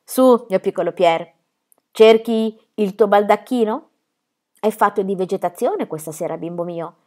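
A woman voicing a young, poor peasant girl who is gentle and wise, speaking tenderly in an audiobook reading. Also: mid-range voice, a little slow, voice pushed up, natural voice. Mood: coaxing.

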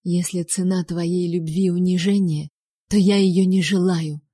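A woman voicing a proud young noblewoman who speaks in a sharp, accusing way. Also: on the low side, flat delivery, a little slow, slightly rough, no echo, clean studio sound. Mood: bitter.

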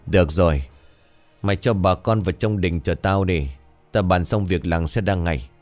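A man voicing a scheming old male village chief in a spoken ghost story, gruff, low and commanding. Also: moderate pace, a little mellow, no echo, soft background music, lightly acted.

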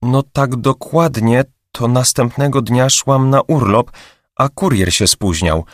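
A man's voice: medium pitch, slow, no room sound, studio quality, voice pushed up, close to an everyday voice. A man voicing a chatty, anxious young female receptionist who gossips with a raised voice, for an audiobook. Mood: aggrieved. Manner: raised gossipy voice, later hushed whispering.

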